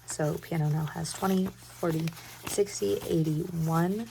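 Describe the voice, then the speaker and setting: Brief: woman, 30s, low and gravelly, hoarse from a cold, casual budgeting chat. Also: fairly even intonation, measured pace, mellow, slight background noise. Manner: candid and chatty, drops to a near-whisper at times. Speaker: budgeting vlogger. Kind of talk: casual chat while stuffing cash envelopes.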